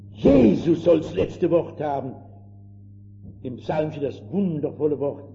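An older man preaches fervently, his voice sitting a little high yet very dark and mellow. He drops to hushed tones and rises to emphatic calls to his friends. The old recording is dull and lo-fi with a faint hiss underneath. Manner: fervent, addresses listeners as friends, swings between hushed and emphatic. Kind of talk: sermon.

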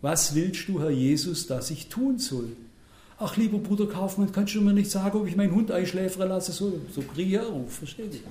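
Blunt, self-mocking male preacher, high voice, roomy hall sound. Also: expressive, fairly quick. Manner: blunt, self-mocking, shifts between loud emphatic lines and quiet asides. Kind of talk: sermon.

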